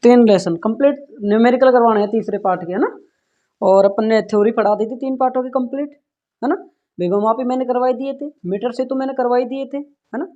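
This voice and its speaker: A man's voice: very high-pitched, brisk, warm tone. A male physics teacher. He gives a classroom lecture and an earnest, pleading talk to his students, often asking if they follow and saying "yaar". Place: classroom with a board. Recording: dull lo-fi classroom recording.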